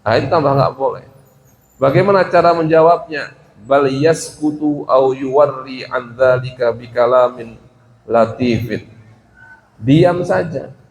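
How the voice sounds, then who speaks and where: A man's voice: mid-range voice, a little slow, lo-fi sound. A man teaching a religious lesson, reading Arabic phrases from a classical text, explaining them and acting out small dialogues. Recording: roomy with faint ambience.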